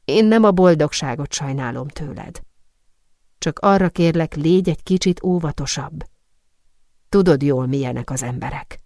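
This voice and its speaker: Earnest young perfumer woman, gentle and pleading, read by a woman; low, warm, dry. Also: animated, no echo. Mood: worried.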